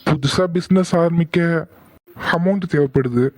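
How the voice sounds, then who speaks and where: A man's voice: fairly high pitch, normal speed, no room sound, natural voice. A man voicing a blunt, money-minded young husband. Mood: impatient. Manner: blunt, impatient.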